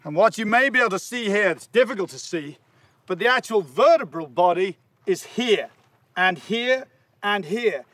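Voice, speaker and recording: A man's voice: high voice, lively intonation, normal speed, fairly bright tone, no room sound. An older man presenting a nature documentary outdoors, explaining things to camera. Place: outdoors on grass by the sea.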